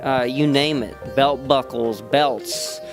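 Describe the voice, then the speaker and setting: Taking it slowly in a mid-range voice, an actor from West Virginia responds to interview questions at a fan convention. The music behind him is loud, and his rambling answers are full of restarts and "you know" fillers.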